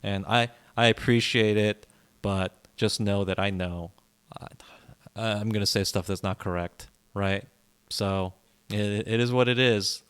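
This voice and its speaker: Here a podcast co-host, a man whose first language is English, chats casually in a lowish, steady voice with a fairly bright, clean tone. He speaks at a measured pace but rambles, pushes his opinions, repeats himself and keeps restarting his sentences.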